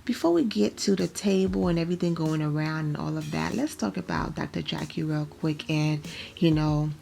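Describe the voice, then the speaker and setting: A woman's voice: sits low, moderate pace, creaky, mellow, a little hiss or hum. A young woman from Liberia, hosting a casual, opinionated recap vlog and laughing often. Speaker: vlog host reviewing a reality show.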